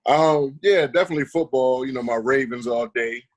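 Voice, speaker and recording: A man's voice: medium pitch, normal speed, no room sound. A man from Baltimore chatting easily as a guest on a video call. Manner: easygoing, relaxed.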